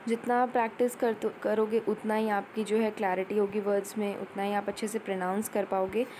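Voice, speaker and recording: A woman teaching an exam-prep lecture, explaining in Hindi with many fillers and reading English headings out slowly. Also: medium pitch, level tone, a little mellow, slight background noise, poor audio.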